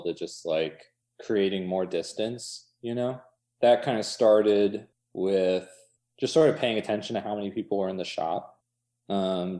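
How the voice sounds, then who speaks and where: With a low pitch and dark tone, an American man who owns a coffee shop talks casually in an interview. He thinks aloud in loose fragments, leaning on "like" and "you know."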